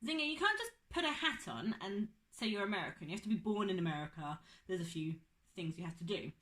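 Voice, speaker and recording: Lively woman teaching phonics. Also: mid-range voice. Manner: patient, drawn-out teaching words. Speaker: children's teacher. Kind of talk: phonics lesson for children.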